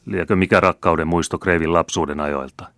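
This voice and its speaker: A gruff old cavalryman, scarred and loyal, mutters in a very deep, low voice as a man reads him aloud. His words come dry and close, with no room around them, and he grumbles half to himself. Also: fairly even intonation, a bit bright, no room sound. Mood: evasive. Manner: muttering, evasive.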